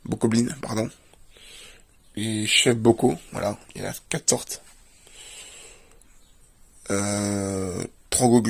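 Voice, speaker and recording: A man's voice: fairly low pitch, gravelly. A man, a video creator, doing a casual show-and-tell and plainly listing items one after another. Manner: plainly lists items while leafing through a book.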